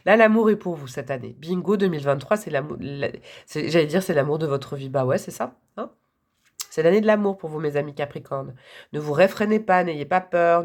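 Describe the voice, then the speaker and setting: A hoarse woman giving a casual, enthusiastic tarot reading to her viewers, chatty and quick to laugh. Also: sits low, a little mellow. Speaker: tarot reader.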